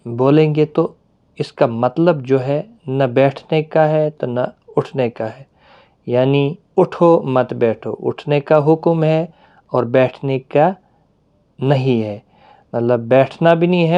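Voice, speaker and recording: A man teaching a Quran reading lesson, explaining patiently with pauses and drawn-out fillers. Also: medium pitch, mellow, lo-fi sound.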